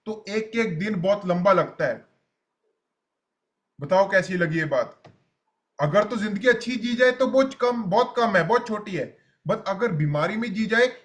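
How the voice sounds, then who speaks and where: Blunt, high-voiced male health coach. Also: a bit bright. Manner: blunt, repetitive, addresses listeners directly. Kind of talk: motivational coaching session.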